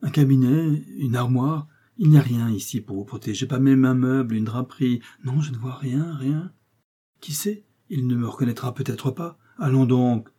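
A man's voice: mid-range voice, moderate pace, mellow, slightly rough, close to an everyday voice. A man reading aloud, voicing a worried noble countess who scolds and gives urgent orders. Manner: scolding, pressing, anxious. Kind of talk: audiobook reading.

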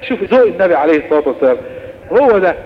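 A man with an Egyptian Arabic accent giving a lively religious lesson on Islamic jurisprudence, explaining and answering questions. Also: sits high, racing, big-room sound, phone-quality sound, slight background noise.

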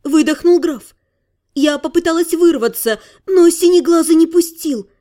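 High-voiced woman narrating an audiobook. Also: normal speed. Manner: expressive, emotional character reading. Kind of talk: first-person audiobook narration.

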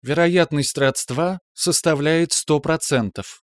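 A man voicing a spaceship's female onboard computer, giving measured, mechanical, formal announcements in a science-fiction audio story. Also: fairly high pitch, dry recording, studio quality, voice pushed up. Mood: impassive, formal.

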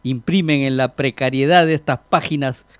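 A man, talking on radio in a measured, reflective way and reading a text aloud. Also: mid-range voice, smooth, dry recording. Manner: measured, reflective, with frequent pauses and fillers.

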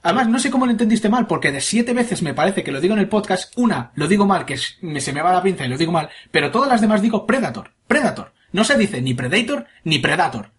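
A man's voice: high-pitched, animated, fast talker, hardly any pauses. A man hosting a casual podcast, reading listener comments in a crude, jokey way.

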